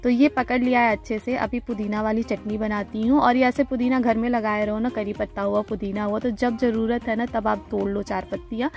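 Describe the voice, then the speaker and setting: A woman's voice: fairly high pitch, vocal fry, darkish tone. A woman from India talking casually over her home vlog, explaining each step in a chatty way. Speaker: vlogger.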